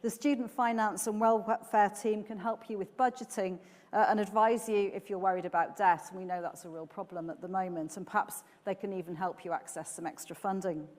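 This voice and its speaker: A woman delivers an upbeat, earnest welcome speech at a middling pitch. She talks with an occasional filler. Her voice rings out with a long echo in a large hall. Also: fairly even intonation, fairly quick, darkish tone. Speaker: university speaker giving welcome talk.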